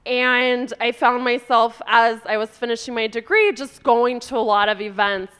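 American woman, 30s, event guest, clean resonant tone, slightly high pitch, conversational personal storytelling. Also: normal speed, fairly bright tone, clean tone. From California, United States.

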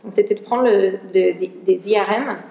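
A woman's voice: medium pitch, moderate pace, vocal fry, warm tone, roomy sound, big-room sound, poor audio. A woman researcher speaking to an audience, with an English-speaking accent and a hesitant manner full of restarts. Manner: hesitant, many restarts, mixes in English words. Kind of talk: talk with an audience.

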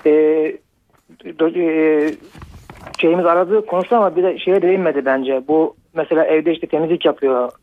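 A man calling in to a radio show over a landline phone, talking earnestly with some halting fillers. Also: a little high. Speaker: caller to a radio call-in show. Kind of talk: casual phone-in chat. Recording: narrow tinny phone line.

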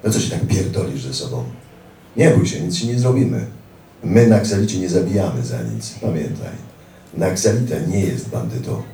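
A man's voice: sits low, sing-song, normal speed, creaky, warm tone, reverberant, far from the mic, slight background noise, voice pushed up, full character voice. A man voicing a male Naxalite fighter who mocks and lectures his captive. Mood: sneering. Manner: sneering, lecturing.

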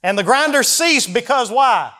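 Reading scripture and explaining it, a Southern US man in his early forties preaches with folksy emphasis and keeps questioning his congregation. His very high voice is animated, pushed and bright, moving at a moderate pace.

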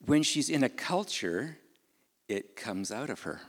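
A man's voice: medium pitch, big pitch swings, unhurried. A man preaching a sermon in a conversational way, asking his listeners questions and adding casual asides. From Ukraine. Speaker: pastor. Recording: long hall reverb.

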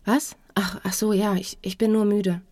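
A woman's voice: medium pitch, little pitch movement, normal speed, dry recording, natural voice. A woman reading a curt, worn-out wife. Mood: tired. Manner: curt and sharp. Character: tired, frustrated wife.

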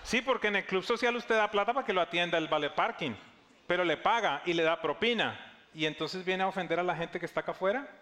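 A man preaching a sermon as pastor, with a lively delivery that acts out quoted voices. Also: sits high, fast.

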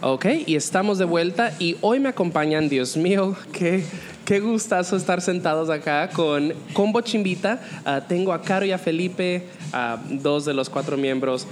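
A man's voice: high voice, moderate pace, faint music behind. A man hosting a casual radio interview, chatty and full of fillers, slipping English phrases into his talk. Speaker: radio host.

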